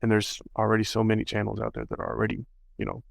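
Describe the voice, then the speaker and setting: A male podcast host rambles through a casual interview chat, packing his speech with fillers like "you know" and "like." His voice is lowish, monotone, fast, and creaky, on a dry recording.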